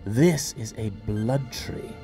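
A man's voice: fairly low pitch, slow. A man playing a clever, righteous, eccentric time traveller in an audio drama, explaining things with theatrical emphasis. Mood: wry, explaining. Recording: music under the voice.

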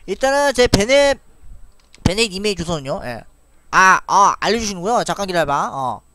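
A man's voice: high voice, sing-song, normal speed, sharp tone, dry recording. A man streaming a card game live, thinking aloud about his moves and laughing often as he chats with viewers. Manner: chatty, thinks aloud, frequent little laughs. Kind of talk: live gameplay commentary.

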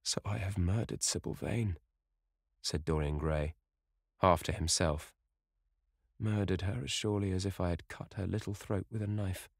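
An earnest, impulsive young gentleman, as a man reading a book voices him, speaks with open emotion. The voice sits low and is recorded dry and close, with no room sound. It is an audiobook character voice. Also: no room sound, natural voice.

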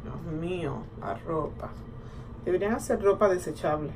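A woman with a lowish voice talks briskly while doing her skincare routine, chatting in a relaxed, bilingual vlog style that shifts between Spanish and English. The recording, made in a small indoor bathroom with a camera or phone roughly an arm's length away, is clearly noisy.

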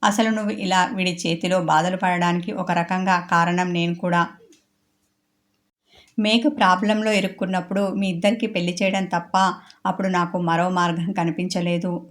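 A woman voicing a caring young man who scolds his friend and then speaks gently and with guilt in a storybook reading. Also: fairly low pitch, flat delivery, moderate pace, natural voice. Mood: guilty.

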